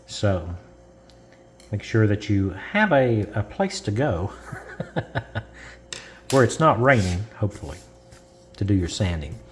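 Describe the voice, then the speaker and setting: Coughing from the dust, a man talks through one step of building a model in a lowish, darkish voice. His casual how-to narration is slow and rambling, with self-corrections and chuckles along the way.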